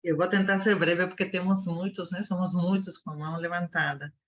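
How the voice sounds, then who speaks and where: A woman's voice: on the low side, fairly even intonation, a little fast. A woman in her fifties from Argentina, giving a thoughtful comment in an online discussion and searching for her words. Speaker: meeting participant. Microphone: video call. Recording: muffled video call audio.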